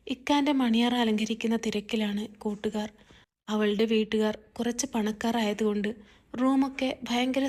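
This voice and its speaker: Fairly high-voiced woman reading a story. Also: a little mellow. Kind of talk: scripted story narration.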